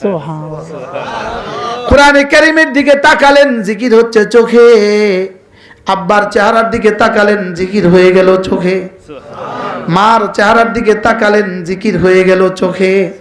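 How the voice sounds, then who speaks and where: A man preaching a sermon at a home gathering. He chants verses and draws call-and-response replies from the audience. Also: sits high. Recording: echoey room.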